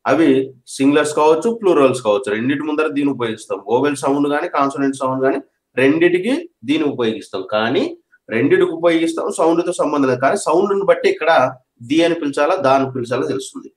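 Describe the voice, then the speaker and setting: A man's voice: on the high side, racing. A man teaching an English grammar lesson, repeating each point and checking that his students understand. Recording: echoey room.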